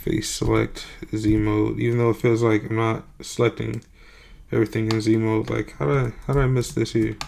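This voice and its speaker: A man's voice: fairly low pitch, level tone, fairly quick, vocal fry, a little mellow, slight background noise. A young man live-streaming his game development at night, sleepy, his voice a little worn, rambling and hesitant with many fillers. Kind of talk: casual live-stream talk.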